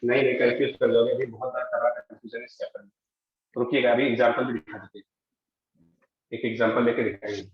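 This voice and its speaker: A man's voice: medium pitch, level tone, quick pace. A man with an Indian accent teaching a live physics class, explaining step by step and checking in with his students. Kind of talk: live online physics lecture. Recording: echoey room, dull lo-fi sound.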